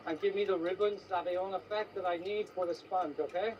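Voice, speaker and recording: A man who is a pastry chef, calmly explaining his technique. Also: high voice, brisk, highs cut off, a little hiss or hum.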